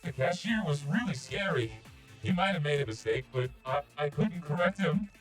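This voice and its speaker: A man's voice: on the high side, lively intonation, normal speed, soft background music, voice pushed up, close to an everyday voice. A man doing a timid robot pilot voice. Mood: polite robotic. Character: friendly male robot mecha pilot, timid. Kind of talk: gameplay commentary, putting on voices.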